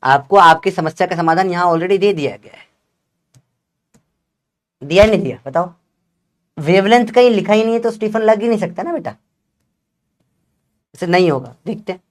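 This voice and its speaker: Man, high-pitched voice, teasing online physics teacher, urges quick answers. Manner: teasing, coaxing, urges students to answer fast. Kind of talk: live online class.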